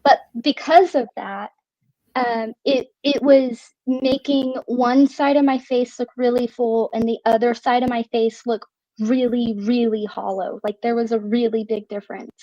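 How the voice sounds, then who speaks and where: Higher-voiced woman, slightly slurred with whistling S's. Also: fairly even intonation, unhurried, mellow, dry recording. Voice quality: slightly slurred speech with whistling S sounds, as with missing teeth. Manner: careful articulation while relearning to talk. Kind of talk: casual chat. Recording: dull, lo-fi online audio.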